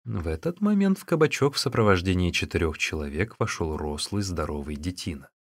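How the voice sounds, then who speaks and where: Male audiobook narrator, deep-ish voice, lively expressive intonation, dry close sound. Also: a little fast, no room sound. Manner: expressive storytelling. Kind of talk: audiobook narration of a classic novel.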